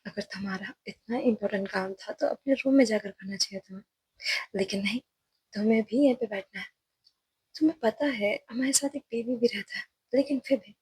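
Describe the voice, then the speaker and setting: A woman voicing a protective young wife and mother in a storybook reading, speaking in a sharp, scolding way. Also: fairly high pitch, brisk, breathy edge, no room sound.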